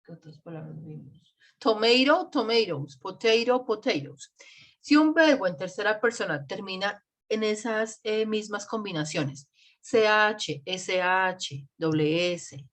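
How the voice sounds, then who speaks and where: A woman's voice: mid-range voice, animated, measured pace. A woman teacher explaining grammar in an online class, patiently spelling out and repeating examples. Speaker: English teacher.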